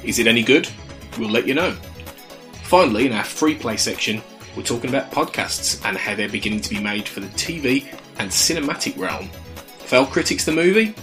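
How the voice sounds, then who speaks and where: A man's voice: mid-range voice, lively intonation, fairly quick, a bit bright. A man hosting a podcast, reading a scripted introduction. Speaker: podcast host. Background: music.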